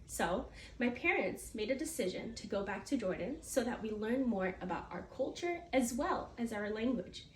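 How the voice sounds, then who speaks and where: Here a teen girl from the US delivers a speech she prepared for class, earnest despite minor stumbles and restarts. She speaks at a normal pace in a fairly high, animated voice; the mic sits far away in an echoey room, and faint noise is audible.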